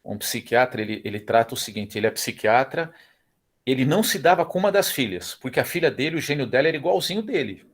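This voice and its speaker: A man's voice: mid-range voice, animated, fast. A middle-aged man with a Brazilian Portuguese accent teaching a church Bible class, emphatic and repeating his phrases. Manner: emphatic, repeats phrases, acts out quoted dialogue.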